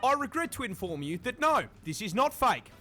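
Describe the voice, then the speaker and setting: A woman's voice: on the high side, big pitch swings, fairly quick, over loud music. A woman doing comedic scripted narration with a sweary, exasperated delivery. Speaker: video narrator.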